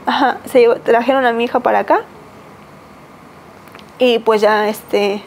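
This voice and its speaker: A Mexican woman in her thirties, a podcast guest giving a personal testimony, talking haltingly with many fillers and restarts. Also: a little high, fairly even intonation, slight background noise, low-quality recording. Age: 30s.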